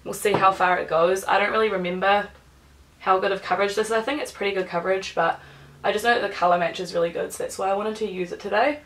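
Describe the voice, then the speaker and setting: A woman's voice: mid-range voice, fairly even intonation, fast talker, fairly bright tone, rough recording. A young woman, nasal from a cold, chatting casually while she does her makeup for her vlog. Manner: chatty, rambling, self-deprecating asides. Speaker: beauty vlogger. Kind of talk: chatty get-ready-with-me vlog.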